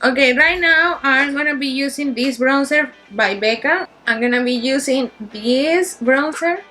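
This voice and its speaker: A woman's voice: high voice, a little slow, sharp tone, slight background noise. A tipsy woman with a Spanish accent hosts a casual makeup tutorial, rambling in a giggly drunk way. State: tipsy from shots.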